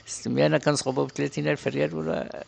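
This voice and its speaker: A man's voice: fairly high pitch, level tone, very fast, gravelly, a little mellow. A middle-aged man with a Moroccan accent answers interview questions about his craft in a casual, plain-spoken way, often repeating himself. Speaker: orthopedic shoemaker being interviewed.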